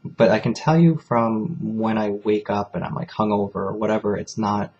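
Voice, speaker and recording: A man's voice: lowish voice, fairly even intonation, moderate pace, a little mellow. Candid rambling man, lo-fi vlog. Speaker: vlogger. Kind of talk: personal confessional vlog.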